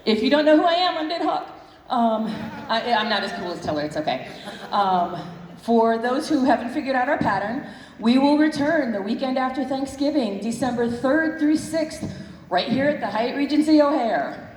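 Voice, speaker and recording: A woman's voice: high-pitched, animated, normal speed, a little hiss or hum. A woman chairing a convention, giving an earnest, thankful closing speech with nervous fillers from a hotel hall stage. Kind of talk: closing ceremony speech to a crowd. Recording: echoey hall from far off, loud crowd.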